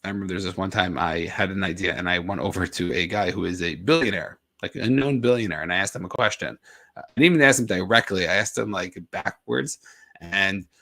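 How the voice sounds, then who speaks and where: A man's voice: sits low, a little fast, fairly bright tone. A man giving a casual motivational talk, rambling a little with restarts and filler words. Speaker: motivational speaker.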